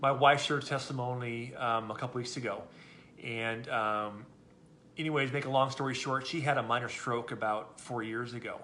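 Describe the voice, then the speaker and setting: A man's voice: medium pitch, fairly even intonation, moderate pace, sharp tone, slight background noise. A middle-aged man telling product stories in a loose, rambling way, full of ums and restarts. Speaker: product testimonial speaker. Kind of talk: casual testimonial talk.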